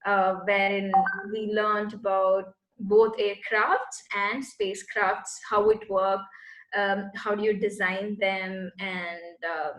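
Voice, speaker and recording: A woman from Bangalore, India, a space entrepreneur appearing as an interview guest, earnestly explains her path in casual answers, searching for words as she goes. Her voice is medium-pitched, a bit bright and flat, and she speaks slowly. The room is echoey.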